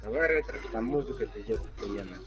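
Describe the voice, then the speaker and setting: A man's voice: lowish voice, expressive, brisk, crowd noise. A man chatting casually while playing a video game, swearing constantly in offhand mutters and exclamations, with game music behind him. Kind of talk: casual gaming chat over a match.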